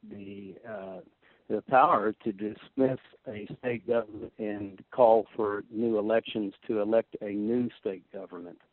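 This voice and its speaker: A man calling in with a question over a phone line, speaking in a hesitant, halting way. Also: fairly low pitch, no room sound. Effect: heard over a phone line. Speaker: caller.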